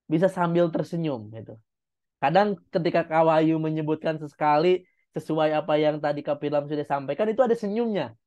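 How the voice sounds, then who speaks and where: A man's voice: fairly high pitch, fairly quick, dark tone. A man, coaching an online public speaking class and giving encouraging feedback step by step. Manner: encouraging, explains step by step, with demonstrations. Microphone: video call. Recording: dull video call audio.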